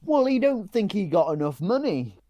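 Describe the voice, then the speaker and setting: A man's voice: high-pitched, very animated, normal speed, warm tone, dry recording. Giggly guy with a bouncy voice. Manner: giggly, rambling with restarts. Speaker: podcast co-host. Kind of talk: casual banter.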